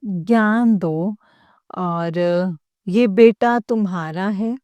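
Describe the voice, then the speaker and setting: Middle-aged woman, devotional speaker, earnest and halting, with a mellow, smooth tone and a dry, close sound. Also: mid-range voice, no echo, muffled recording. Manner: slow, halting, with many pauses and fillers; earnest, keeps addressing the listeners. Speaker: devotee sharing experiences with followers. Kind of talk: devotional talk.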